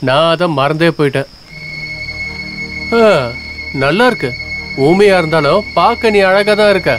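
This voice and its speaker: A man's voice: fairly high pitch, animated, a little slow, music in the background, low-quality recording. An actor playing a scheming, greedy young man who mocks and menaces his mute fiancée, in a Tamil film drama. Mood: menacing. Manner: sly, mocking, menacing.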